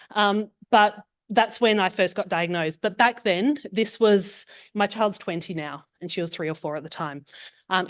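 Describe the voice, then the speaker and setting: A woman's voice: on the low side, no echo, studio quality. A woman in her forties with an Australian accent, telling a candid personal story at a meetup with self-deprecating humor. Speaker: meetup speaker. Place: meetup room.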